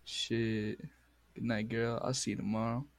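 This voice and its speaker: A man hosting a podcast, chatting casually with crude, excitable banter while straining a sore voice. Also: on the low side, unhurried, gravelly, very noisy. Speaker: podcast host. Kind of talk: casual chat.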